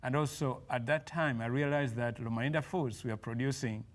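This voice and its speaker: Man telling his story haltingly. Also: mid-range voice. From Uganda. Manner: halting storytelling with fillers and restarts. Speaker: guest, nutritionist. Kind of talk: television interview.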